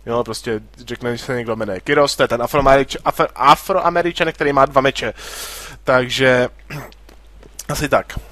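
A man's voice: medium pitch, fairly even intonation, hardly any pauses, fairly bright tone, no room sound. Casual man doing let's play commentary. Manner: casual, joking asides between read dialogue. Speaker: gaming video host.

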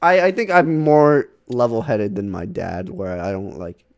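A man's voice: fairly low pitch, measured pace, creaky. A young man, a podcast co-host, chatting casually and acting out the voices in his stories. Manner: animated storyteller, acts out quotes. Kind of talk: casual chat.

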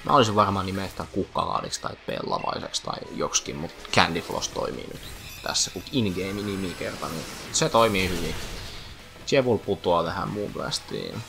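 Finnish guy narrating his game playthrough, chatty trivia, low-ish gravelly voice. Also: lively intonation. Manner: chatty, explains name origins and trivia. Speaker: gaming commentator. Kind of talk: let's play commentary. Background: faint game music.

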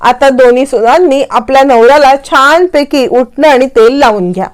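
A woman's voice: high-pitched, moderate pace, close to an everyday voice. A woman voicing a stern old grandfather. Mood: scolding. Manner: scolding, lecturing tone.

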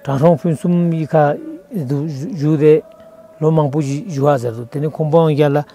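A man's voice: a little high, dark tone, slight background noise. A middle-aged monk telling the history of his monastery in an outdoor interview, recorded on a lapel mic. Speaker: senior lama of the monastery.

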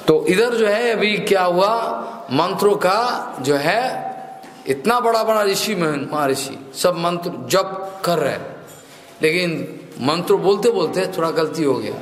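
A man with a high voice preaches a devotional story at a slow, deliberate pace. He circles back over his phrases and slips into the voices of the people in the tale. The sound rings through an echoey hall with a long reverb tail. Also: expressive. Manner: repeats and restarts phrases, acting out quoted voices. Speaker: preacher telling a scripture story.

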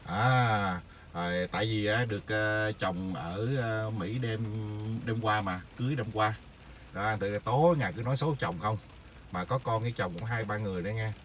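A middle-aged man, telling stories in a casual, rambling monologue full of hesitant filler pauses. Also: fairly low pitch, fairly bright tone, a little hiss or hum. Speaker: vlogger sharing stories.

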